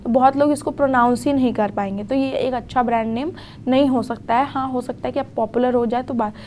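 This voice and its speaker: A woman's voice: on the high side, steady tone, a little mellow, a little hiss or hum. Young woman teaching a recorded lecture. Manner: explains in Hindi, reads English definitions slowly, often adds "theek hai".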